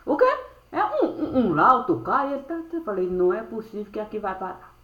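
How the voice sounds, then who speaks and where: A woman telling a spiritual story as a monologue, in rhyming, sing-song phrases that end on drawn-out verbs, recorded on a webcam. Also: mid-range voice, muffled recording. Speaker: storyteller recounting a spiritual experience. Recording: echoey room.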